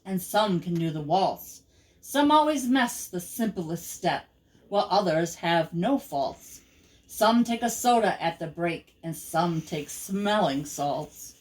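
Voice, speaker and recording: Like a grandmother at storytime, an older woman reads children's rhyming verse aloud in a measured, rhythmic way. Her voice is mid-range.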